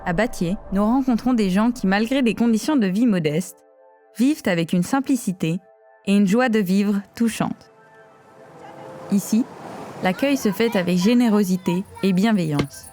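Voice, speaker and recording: Une femme qui lit avec calme la narration d'un documentaire. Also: female voice, mid-range voice, moderate pace, faint music behind.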